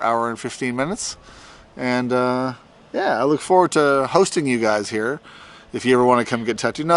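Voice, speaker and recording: A man's voice: medium pitch, a bit bright. A man of fifty from Australia giving a casual, conversational video update outdoors in his farm's front yard. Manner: informal, conversational. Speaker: tattoo artist vlogger. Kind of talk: casual update talk to camera.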